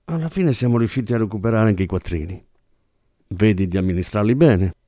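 A man narrating an audiobook in a steady, measured way. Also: fairly low pitch, no room sound, clean studio sound.

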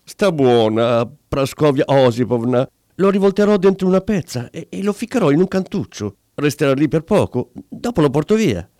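A man's voice: fairly high pitch, big pitch swings, normal speed, few pauses, mellow, dry recording, clean studio sound, pitched above the performer's own voice. A man voicing a timid barber who stammers and fumbles for excuses. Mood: flustered. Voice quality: hesitant, stammering. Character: timid, flustered middle-aged barber.

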